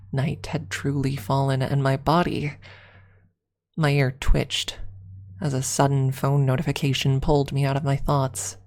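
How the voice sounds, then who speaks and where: Soft, deliberate ASMR narration of a first-person story comes from a woman with a rumbling low voice. Dramatic pauses break it up, and certain phrases drop almost to a whisper.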